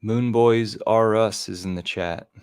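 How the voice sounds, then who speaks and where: A man's voice: fairly low pitch, steady tone, measured pace, a little mellow, a little hiss or hum. A man co-hosting a casual stream, asking curious questions and reading names from the chat.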